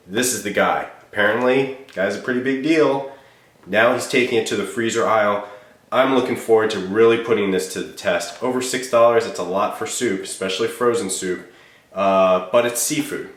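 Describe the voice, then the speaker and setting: A man's voice: on the low side, a bit bright, reverberant. A man with a cold and a congested voice, hosting a casual food review in a chatty, self-deprecating way. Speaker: host.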